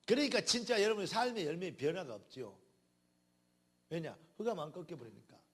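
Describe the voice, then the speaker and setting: A male pastor delivers a sermon in Jeolla dialect, alternating between loud, emphatic proclamations and quiet, conversational asides. His voice is high-pitched and breathy, with big pitch swings and a slightly fast pace.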